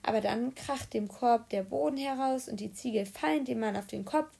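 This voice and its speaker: A woman narrating a children's audiobook in a lively, humorous read-aloud manner. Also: a little high, moderate pace, creaky, breathy edge.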